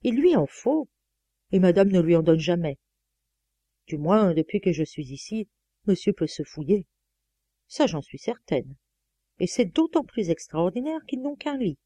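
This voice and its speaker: A woman reads a first-person novel aloud in a lively, exclamatory storytelling style. Her voice is mellow and on the darker side. The close microphone gives a dry sound with no room echo. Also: fairly low pitch, unhurried, long pauses. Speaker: audiobook reader.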